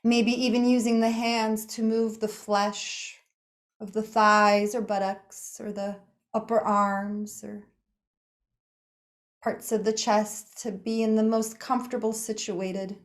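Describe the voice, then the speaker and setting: A yoga nidra meditation guide leads a relaxation practice in a medium-pitched voice, speaking slowly and soothingly. She lays down short phrases one at a time, with pauses between them that keep the narration unhurried.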